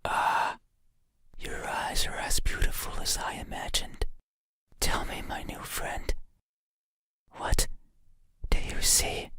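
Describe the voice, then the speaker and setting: A performer voicing an eerie, obsessive monster in a breathy whisper, speaking slowly and menacingly in short phrases for an ASMR horror roleplay. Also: sharp tone, dry recording. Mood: tender, creepy. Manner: slow, deliberate, menacing, broken into short phrases. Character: eerie, obsessive monster demanding you open your eyes.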